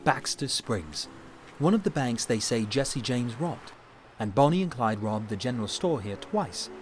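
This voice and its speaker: A man's voice: mid-range voice, lively intonation, measured pace, lightly acted. A man voicing an easygoing dog that narrates a road trip, in a chatty, playful documentary narration. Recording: music underneath.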